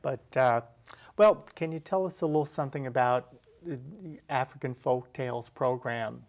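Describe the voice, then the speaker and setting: A man who hosts a library show, introducing a guest politely and haltingly, with fillers. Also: medium pitch. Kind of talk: hosting an interview.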